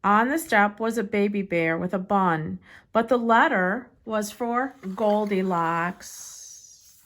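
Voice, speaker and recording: A woman with a mid-range voice reads a children's picture book aloud, her phrasing expressive and deliberate.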